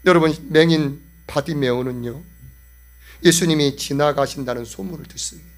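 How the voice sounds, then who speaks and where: A man's voice: fairly high pitch, moderate pace. A male pastor preaching a sermon with impassioned, emphatic repetition.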